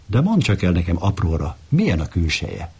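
A man voicing a sly male fox in a read-aloud fable, husky and coaxing. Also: sits low, wildly swooping pitch, warm tone, heavily acted. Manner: coaxing, knowing.

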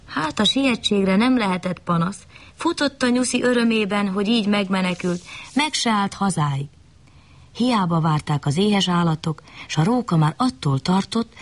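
A woman reading a children's bedtime story aloud, gentle and lively. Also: medium pitch.

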